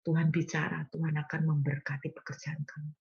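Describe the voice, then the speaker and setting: A woman's voice: low voice, level tone, a little fast, a little mellow, slightly rough, dull audio, heavily acted. A woman preacher quoting a scheming male prophet who asks for gifts. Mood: solemn.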